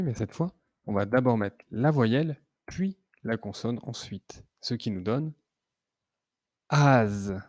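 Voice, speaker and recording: A man teaching children to read, sounding out syllables slowly and clearly. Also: medium pitch, darkish tone, no echo, studio quality. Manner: slow, clearly articulated syllables. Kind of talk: reading lesson for children.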